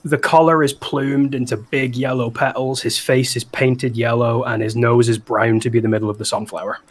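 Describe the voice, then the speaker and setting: A man's voice: medium pitch, level tone, normal speed. A man as game master, improvising descriptive, amused narration for a tabletop game.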